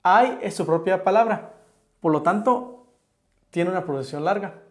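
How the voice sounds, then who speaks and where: Man, English teacher, high voice, patient step-by-step explanations. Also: normal speed. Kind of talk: explaining an online pronunciation lesson.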